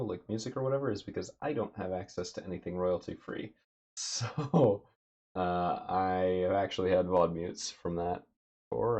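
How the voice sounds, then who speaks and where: A man livestreaming as he paints a miniature, thinking aloud in a relaxed way with lots of fillers, his throat a bit dry and rough. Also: deep voice, lo-fi sound. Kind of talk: casual livestream chat. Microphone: desk mic with noise gate.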